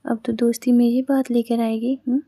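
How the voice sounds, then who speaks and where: A woman voicing a playful, teasing young bride in a read-aloud story, with a slightly high, flat tone. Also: a little slow. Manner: teasing, banter with friend.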